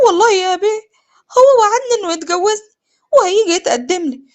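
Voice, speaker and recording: امرأة تؤدي صوت فتاة شابة عنيدة ترفض عريسها، بلهجة مصرية وصوت أعلى. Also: female voice, high-pitched, animated, fast talker, a little mellow. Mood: frightened. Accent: Egyptian. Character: young woman, stubborn bride refusing her cousin.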